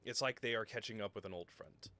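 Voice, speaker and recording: A man narrating a tabletop game as game master, halting and full of ums and self-corrections. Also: on the low side, bright, forceful tone.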